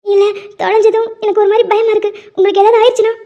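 A tearful young bride in a cartoon drama pleads and sulks in a very high, quick voice, as a woman voices her. Her tone stays mellow and soft-edged. The recording sounds dull and lo-fi. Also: flat delivery. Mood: tearful pleading. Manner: whiny, pleading.

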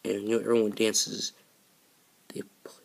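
A man's voice: lowish voice, completely flat delivery, normal speed, creaky. A man voicing an anxious, earnest male car friend in a homemade toy story, stammering and short of breath. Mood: breathless.

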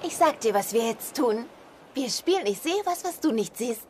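A woman's voice: on the high side, animated, moderate pace, heavy background noise, lightly acted. A woman dubbing a spirited, carefree young woman in a film, talking in a playful, mocking way. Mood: teasing. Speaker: dub actress. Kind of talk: German film dub.

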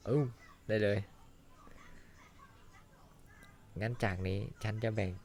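A man voicing a kind young fisherman in a fan-dubbed cartoon, speaking in a soft, caring, reassuring way. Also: fairly low pitch, steady tone, a little fast, natural voice. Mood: easygoing. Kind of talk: Thai fan dub of an animated series.

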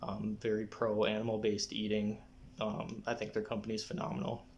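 A young adult man talking casually to camera in a personal update, often clearing his throat. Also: lowish voice, completely flat delivery, brisk, a little mellow, slight background noise. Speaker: vlogger giving a personal health update. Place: small living room, indoors. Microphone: phone or camera at arm's length.

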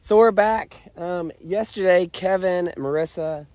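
A man talks outdoors on his land, his voice a little higher than most men's and scratchy from a cold. He walks the viewer through the fence work in an easygoing, step-by-step way, with a faint hiss of noise under him. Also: measured pace, darkish tone. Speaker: ranch vlogger. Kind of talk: casual outdoor vlog narration. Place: outdoors on a rural property. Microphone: camera-mounted action cam.

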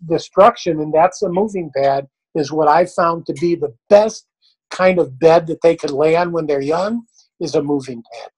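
A man's voice: sits high, darkish tone, low-quality recording. An older man, a dog trainer, answering questions in a blunt, folksy, plain-spoken way.

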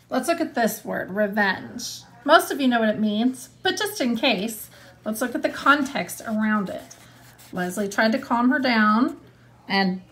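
With a slightly high, fairly bright voice, this woman in her thirties teaches elementary students through a read-along. She reads and explains, emphasizing key words and asking the class questions.

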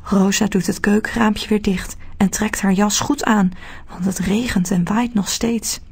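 A woman narrating a children's storybook audiobook in a steady, clear telling. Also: medium pitch, a little slow.

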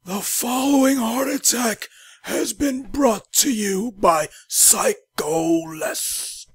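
A man putting on an eerie, slow announcer voice with a breathy, drawn-out delivery. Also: high voice, no room sound, pitched above the performer's own voice, full character voice. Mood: ominous.

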